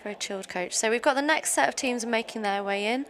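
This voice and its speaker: A woman's voice: a little high, quick pace, fairly bright tone. A woman commentating live on a sport event, explaining things fluently.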